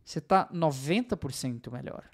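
A man's voice: on the high side, animated, moderate pace, breathy edge. A man, telling an anecdote in casual conversation in a chatty, emphatic way. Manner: chatty, builds stories with emphasis.

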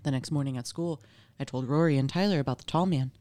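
A woman's voice: very deep voice, fast, warm tone. A woman casually reading a scary story aloud, with playful, informal asides. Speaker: story reader.

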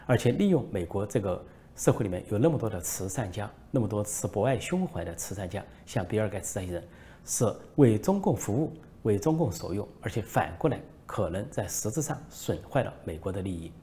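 A man delivering a political commentary monologue, emphatic and storytelling. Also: a little fast. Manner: emphatic, lively pitch, storytelling.

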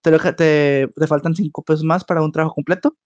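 Young man, high voice, dry close sound, joking, slangy. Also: steady tone, fast talker, no room sound, lo-fi sound. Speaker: podcast co-host. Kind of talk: casual podcast chat.

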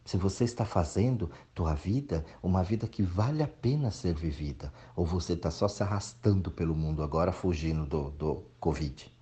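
A man's voice: sits low, moderate pace, few pauses, warm tone. A man from Brazil giving an emphatic, preachy reflective monologue to his regular audience, sometimes mocking whiny voices. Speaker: motivational speaker.

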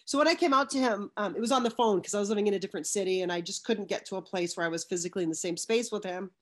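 A woman's voice: mid-range voice, rapid-fire. A woman as an interview guest, speaking earnestly in a casual chat, with frequent restarts and fillers.

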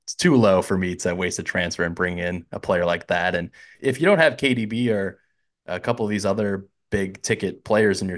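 This is an American man co-hosting a relaxed sports podcast. His voice sits very low and deep. He sounds upbeat as he keeps the chat moving with questions. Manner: upbeat, asks questions and reads the show's segment links. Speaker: podcast co-host. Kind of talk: casual football podcast chat.

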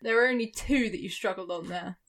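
A woman taking turns in a casual quiz with a friend, friendly and quick to laugh. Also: mid-range voice, a bit bright. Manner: friendly, giggly. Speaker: quiz player.

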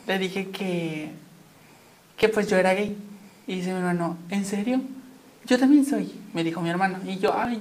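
A young woman with a Mexican accent, a guest telling personal stories in an animated, chatty way with frequent fillers and laughs. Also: mid-range voice. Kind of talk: personal storytelling in conversation.

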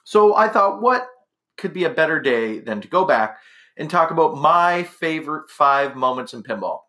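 A man's voice: fairly high pitch, animated, moderate pace, pushed and bright. A middle-aged man from Canada hosting a casual podcast monologue, rambling chattily and correcting himself in asides. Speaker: podcast host.

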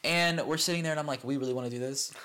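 Animated young man chatting on a podcast. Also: rapid-fire. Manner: animated, jumps in pitch for emphasis, playful. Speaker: podcast co-host. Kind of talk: casual chat.

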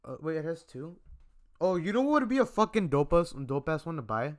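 A young man in casual chat with a friend, excitable and swearing often, tripping over his words when he gets worked up. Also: on the high side, fairly quick.

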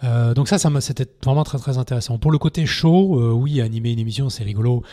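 A middle-aged man, a former poker TV presenter, talking casually as a podcast guest and acting out anecdotes with lively energy. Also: mid-range voice, fast talker. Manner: animated storyteller, acts out scenes in shouts.

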